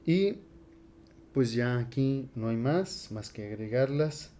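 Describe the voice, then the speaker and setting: A man teaching Latin grammar in a relaxed, conversational classroom lecture, with frequent fillers. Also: medium pitch, slow. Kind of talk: casual classroom lecture at a board.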